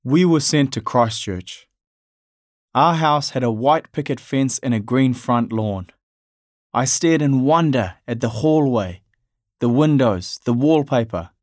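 A man from Afghanistan narrating his family's story in a measured, reflective way. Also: mid-range voice, lively intonation, darkish tone, no echo, clean studio sound.

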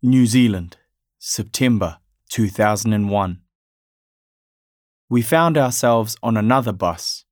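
A man from Afghanistan narrating his family's story in a measured, reflective way. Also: fairly low pitch, no room sound, studio quality.

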